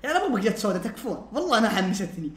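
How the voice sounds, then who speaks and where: A man commentating his own football video game play, swinging from muttering to shouting and laughing. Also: sits high, very animated, rapid-fire, noisy background. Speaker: gaming streamer. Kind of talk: casual gameplay commentary. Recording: roomy sound with loud game music.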